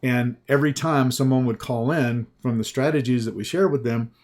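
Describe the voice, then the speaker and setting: This sales coach speaks with a Southern US accent, pitching a webinar in a relaxed, homespun way. His pace is slow and chatty, and he often backs up to restart a thought.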